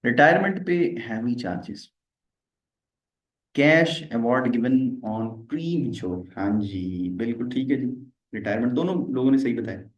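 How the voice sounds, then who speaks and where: Chatty tax teacher. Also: male voice, medium pitch, measured pace. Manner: chatty, acts out dialogues and asks viewers questions. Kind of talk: live online tax lesson. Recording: roomy, slightly dull livestream audio.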